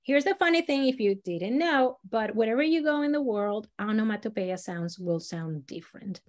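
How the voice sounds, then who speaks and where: A woman with a slightly high voice leads a storytelling workshop. She is from Latin America and explains each exercise in a lively, demonstrative way, moving her pitch and loudness around as she models voices for her students. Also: normal speed. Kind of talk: teaching a live workshop.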